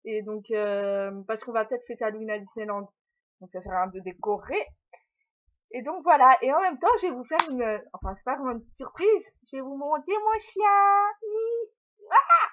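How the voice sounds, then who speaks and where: Talking a little fast in a fairly high voice, a young woman does a casual haul video at home, giggling and full of little hesitations. She also chats to her puppy, and the recording sounds dull and lo-fi.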